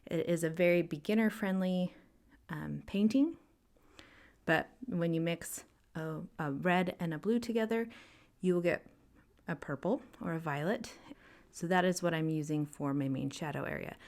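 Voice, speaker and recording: A young woman narrating a painting tutorial voice-over, breathy and out of breath, explaining calmly with frequent ums. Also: fairly low pitch, normal speed. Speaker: art instructor.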